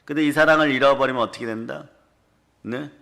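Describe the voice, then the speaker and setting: A male pastor preaching a sermon, swinging between loud scolding lines and low, murmured asides. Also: brisk, creaky. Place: church sanctuary.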